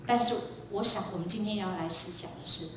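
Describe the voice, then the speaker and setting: A woman preacher giving a sermon, telling a lively story and quizzing the congregation. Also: mid-range voice, a little fast, noisy background. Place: church sanctuary. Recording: echoey church hall, distant mic.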